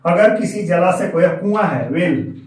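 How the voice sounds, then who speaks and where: A man teaches a school geography lesson in a patient, step-by-step way, restating each key term in Hindi and English. His voice sits fairly high for a man and comes from a little way off the mic. The room around him is heavily echoey. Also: lively intonation, unhurried, distant mic.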